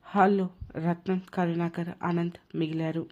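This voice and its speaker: A woman storyteller reading the narration of an emotional audio drama in a steady, even way. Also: on the low side, normal speed. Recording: dull lo-fi recording.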